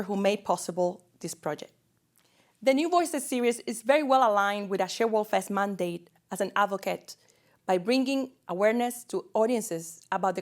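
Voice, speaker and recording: A woman hosting an online festival series, reading an introduction and then asking a guest questions. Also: medium pitch. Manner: warm-up scripted intro then friendly questioning. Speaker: festival host, interviewer. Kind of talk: hosted interview.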